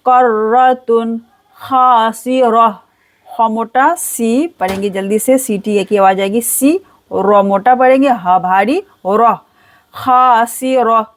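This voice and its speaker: A woman teaching Quran recitation step by step, spelling out letters and then reciting each word slowly and drawn out. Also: medium pitch, a little mellow.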